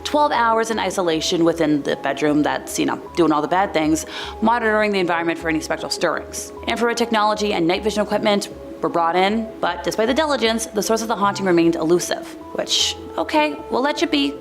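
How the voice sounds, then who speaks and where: A woman's voice: medium pitch, fast talker, creaky. A woman reading scripted countdown narration, slipping in wry, casual, jokey asides. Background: background music.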